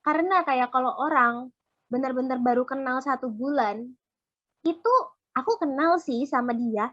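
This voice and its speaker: A young woman preaches in a relaxed, conversational way, addressing her listeners as friends and slipping into little acted-out exchanges. Her voice sits high. The recording is dull and lo-fi, with a dry sound and no room around her. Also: normal speed, no room sound. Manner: chatty, keeps addressing listeners as friends, acts out little quoted dialogues. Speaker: speaker at a community worship service. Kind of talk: casual youth sermon.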